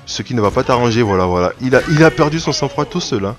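A gaming video creator gives loose, rambling play-by-play of his online fighting game matches, often restarting sentences and bursting out when surprised. Loud game music runs beneath his medium-pitched, quick-paced voice.

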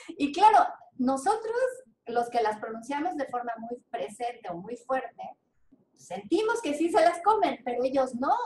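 Mexican woman, linguist guest, chatty demonstrative delivery, echoey room. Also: a little high. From central Mexico. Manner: animated, demonstrates pronunciations, many fillers. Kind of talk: explanatory interview talk.

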